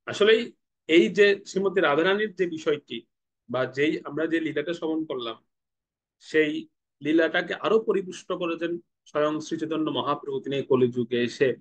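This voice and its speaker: A man with a fairly high voice preaches a devotional sermon. He explains things patiently, poses rhetorical questions and has his listeners repeat words after him. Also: lo-fi sound. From Bangladesh.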